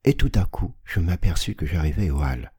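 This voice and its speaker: A man reading a classic story aloud as an audiobook narrator, in a measured, dramatic style that slows on images and swells at tense moments. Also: sits low, lively intonation, warm tone, breathy edge, no echo. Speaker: audiobook reader.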